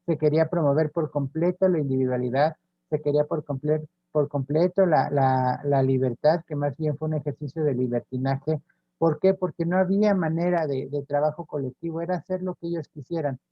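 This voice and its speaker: A man's voice: on the high side, brisk, dry recording, lo-fi sound. A man with a Mexican accent giving a university lecture, explaining step by step and checking in with frequent tag questions. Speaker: professor.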